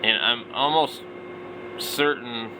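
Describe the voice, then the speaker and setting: With background noise behind him, a forties-aged vlogger and radio enthusiast takes it slowly in a medium-pitched voice. His product commentary is casual and unscripted, wandering as he thinks out loud.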